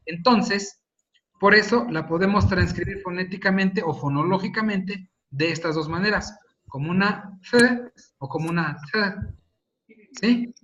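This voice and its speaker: A man's voice: high-pitched, a little slow, fairly bright tone. A man teaching a phonetics lesson over a video call, explaining patiently and checking in with his listeners. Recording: slightly dull video call audio, faint noise.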